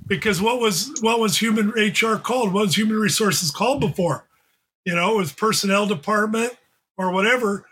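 A man's voice: high voice, brisk, a bit bright, slightly rough, low-quality recording. A man in his seventies hosting a podcast, talking casually and joking as he asks pointed questions. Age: 70s. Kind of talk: casual chat.

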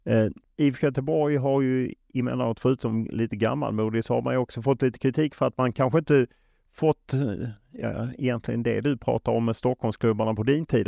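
A man's voice: medium pitch, steady tone, creaky, warm tone, no echo, highs cut off. A man working as an interviewer, putting questions in a conversational style.

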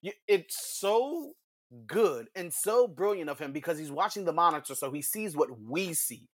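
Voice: medium pitch, animated, moderate pace, a bit bright, breathy edge, no room sound. Podcast co-host, explanatory, step-by-step, dry close mic. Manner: explanatory, builds points step by step. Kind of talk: casual wrestling chat.

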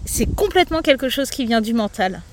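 A woman's voice: a little high, sing-song, brisk, noisy background. A woman, a yoga teacher, talking as a guest in a casual podcast interview, loose and chatty with lots of fillers.

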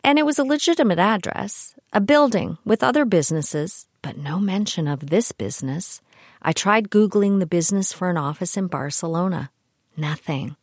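A woman's voice: fairly low pitch, expressive, normal speed, dry recording, clean studio sound. A woman podcast host telling a story in a casual monologue, with sarcastic asides.

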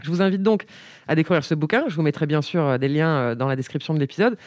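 A woman hosting a podcast talks fast in a mid-pitched voice. She is lively and casual, with frequent praise for her guests. The sound is dry and close to the mic. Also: dry recording. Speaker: podcast host.

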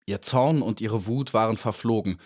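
A man with a lowish voice reads a storybook aloud as an audiobook. His scripted narration is calm and measured, and he tells the story at an even pace.

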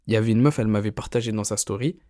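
A man's voice: on the low side, racing, warm tone, no echo, studio quality. A young man telling a crude story casually, in slangy rambling talk full of fillers.

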